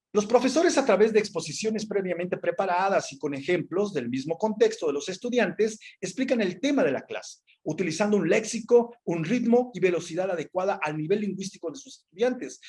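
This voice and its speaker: A man's voice: high-pitched, a little mellow, husky. A man giving an academic presentation on how language is taught, going through his findings item by item with many fillers and restarts. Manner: methodical, lists items with frequent fillers and restarts.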